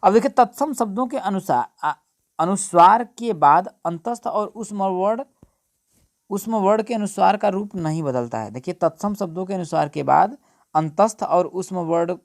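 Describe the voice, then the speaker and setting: A man's voice: sits high, expressive, moderate pace, dry recording, clean studio sound. Man teaching a Hindi grammar lesson. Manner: repetitive, keeps asking "what is it, friends?".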